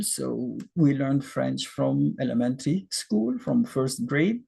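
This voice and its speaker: Here a math teacher in his fifties, Egyptian-accented and a native Arabic speaker, gives a casual explanatory lesson. His husky, mellow voice varies widely in pitch as he chats, thinking aloud with fillers and many rhetorical questions.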